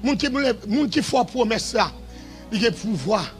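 A man preaching a revival sermon in a shouted, sing-song style that falls to quieter stretches. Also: high voice, expressive, normal speed, faint music behind.

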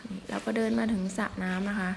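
Chatty woman with a gravelly voice. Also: medium pitch, flat delivery, quick pace, slight background noise. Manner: chatty, polite, with frequent soft particles. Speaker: vlogger filming elephants. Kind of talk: casual outdoor vlog narration. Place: outdoors in forest.

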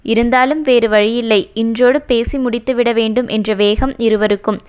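Smooth-voiced woman narrating a romance. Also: on the high side, moderate pace, lo-fi sound. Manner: steady storytelling read. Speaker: audiobook narrator. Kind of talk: scripted romance novel narration.

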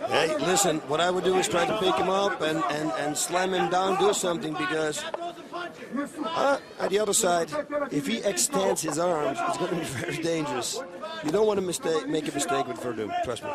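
A man giving excitable expert colour commentary on a fight, exclaiming and repeating words. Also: on the high side, normal speed. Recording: loud music and arena crowd behind.

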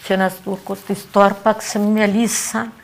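An older woman with a Cypriot Greek accent gives eyewitness testimony. Her voice is strongly gravelly and husky, sitting at a middle pitch. She speaks haltingly and circles back over the same words. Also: level tone. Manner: halting, repeats words and phrases. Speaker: eyewitness interviewee.

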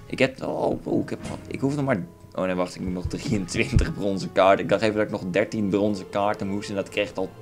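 A man's voice: on the low side, a little fast, few pauses. A young man with a Dutch accent commentating his own game playthrough in a crude, rambling, joking way. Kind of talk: casual let's play commentary. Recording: faint game music behind.

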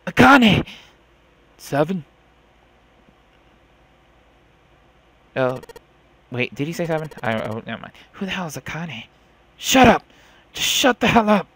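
A man voicing a desperate young man who shouts urgently while trying to save a girl. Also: fairly high pitch, lively intonation, fairly quick. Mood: frantic.

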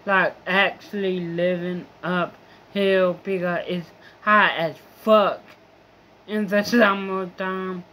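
A woman's voice: on the low side, fairly even intonation, takes it slowly, a bit bright. A young woman vlogger in a rambling, profane, complaining monologue. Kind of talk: casual venting monologue.

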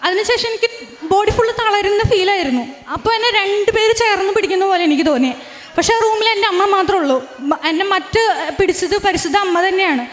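A young woman with a very high, light voice tells her religious testimony, earnest and halting, often breaking off and restarting. Her voice rings with a long reverb, as if she is speaking in a large, echoing room. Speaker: testifying believer.

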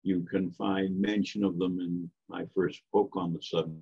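An older man giving a measured, emphatic history lecture as a guest speaker, with frequent asides. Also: low-pitched, level tone, vocal fry, breathy edge. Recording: dull lo-fi lecture recording.

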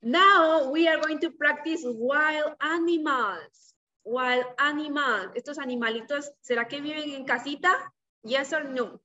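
A young woman, a native Spanish speaker, teaches small children in a slow, simple, encouraging way, as if talking to a toddler, having them repeat words. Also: high-pitched, bright, forceful tone. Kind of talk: preschool vocabulary lesson for repeat-after-me practice. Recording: distant, slightly muffled video-call audio.

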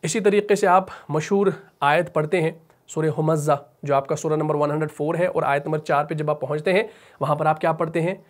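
A man with a Pakistani Urdu accent patiently teaches tajweed step by step, posing questions and answering them himself. His voice is fairly high for a man and his tone stays steady, and he slows into melodic chanting when reciting verses.

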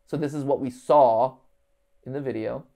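This thirty-something livestream host thinks aloud on his indoor set, reading bits out and trailing off mid-thought as he tackles a puzzle. He speaks at a moderate, steady pace in a warm, medium-pitched voice with some vocal fry.

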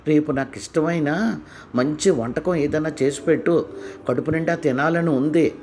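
A man voicing a quietly caring elderly husband who speaks softly and soothingly. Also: a little high, moderate pace, slight background noise, close to an everyday voice. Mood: tender.

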